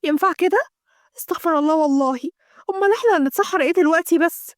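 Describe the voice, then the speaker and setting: A woman voicing a nagging young housewife with an Egyptian accent, talking in shrill, scolding complaints. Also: fast talker, no echo, studio quality. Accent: Egyptian Arabic.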